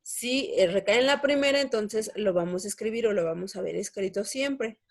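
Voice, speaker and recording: A woman's voice: mid-range voice, normal speed. A young woman teaching a language lesson, explaining step by step and checking in with her students. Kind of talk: online lesson.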